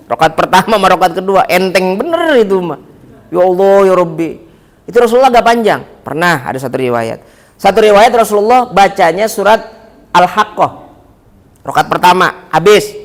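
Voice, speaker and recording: A man giving a chatty, joking sermon in a mosque, often turning to the listeners with questions. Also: high-pitched. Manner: chatty, joking, addresses the audience directly. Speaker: preacher.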